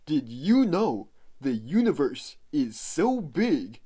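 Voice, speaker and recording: A man voicing a pompous, know-it-all male bison scientist puppet who speaks with solemn, deadpan grandeur. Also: fairly high pitch, slow pace, husky, exaggerated voice. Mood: mock-solemn. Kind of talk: puppet comedy sketch.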